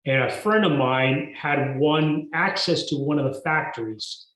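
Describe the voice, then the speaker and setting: A man, a guest telling his story in a podcast interview in a measured, emphatic way. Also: on the high side, fairly bright tone. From Mexico. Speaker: guest entrepreneur. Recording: roomy echo.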